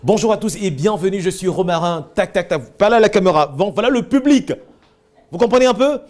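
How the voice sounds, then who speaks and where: A man's voice: high-pitched, expressive, a little fast, darkish tone. A man coaching trainees in public speaking during a live workshop, giving directions and demonstrating lines himself.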